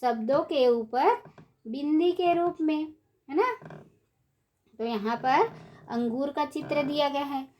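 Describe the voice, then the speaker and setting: A woman teacher with a high voice, talking very slowly. She spells each word out syllable by syllable, repeats it for young learners, and asks questions that she answers herself. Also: darkish tone, slight background noise. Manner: asks and answers her own questions in a sing-song classroom tone. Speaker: primary school teacher. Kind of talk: Hindi phonics lesson for young children.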